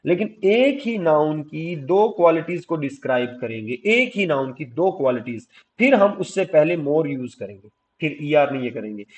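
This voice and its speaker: A man from Pakistan with a Pakistani accent, teaching English grammar in an exam-prep lecture. He spells words out letter by letter, calls his students "beta" and reads the English rules slowly. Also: a little high, lively intonation, rough recording.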